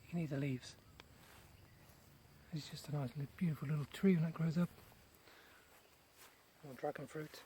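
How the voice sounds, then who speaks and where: Higher-voiced man rambling outdoors. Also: fairly even intonation, mellow. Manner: unscripted, pausing between short phrases. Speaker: gardener giving a tour. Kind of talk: casual rambling vlog narration. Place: outdoors in a large rural garden. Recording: noisy outdoor recording with nature sounds.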